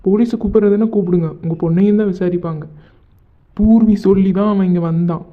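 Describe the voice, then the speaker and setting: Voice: mid-range voice, steady tone, fast, natural voice. A performer voicing a brash young man who argues bluntly, in a hobby drama. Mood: defiant. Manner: blunt, argumentative. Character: brash young man defending his friend. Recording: tinny phone-like recording.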